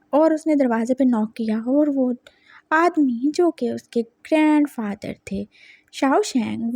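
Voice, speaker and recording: A woman narrating a story in a chatty, expressive way. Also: high voice, dry recording.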